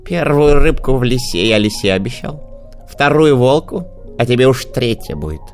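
A man voicing a calm, clever male cat in a storybook reading, easygoing and amused. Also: medium pitch, moderate pace, soft background music, pitched above the performer's own voice, natural voice.

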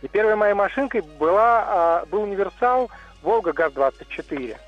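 A man's voice: high voice, lively intonation, moderate pace, faint music behind. A man calling a radio show, earnest and stumbling a little as he starts his story. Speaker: caller. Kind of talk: phone-in chat. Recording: dull, dry phone-in line.

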